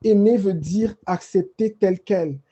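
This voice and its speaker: A man on a panel telling his personal faith testimony in an emotional, halting way, often repeating phrases. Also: high-pitched, warm tone, breathy edge.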